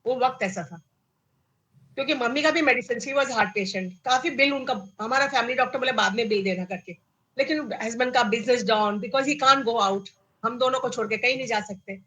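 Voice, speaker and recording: A middle-aged Indian woman, a cancer survivor appearing as a guest, tells her personal story in a bright, forceful voice pitched a little above the usual for a woman. She speaks at normal speed and animatedly acts out quoted dialogue, mixing in English phrases. The audio quality is poor.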